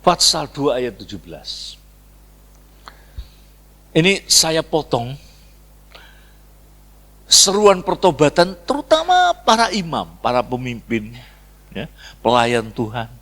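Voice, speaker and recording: A middle-aged man preaching a sermon, swinging between hushed asides and loud emphatic lines. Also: fairly high pitch, big pitch swings, slow pace, pauses often. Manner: acts out voices of congregants in mock tones. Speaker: pastor. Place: church.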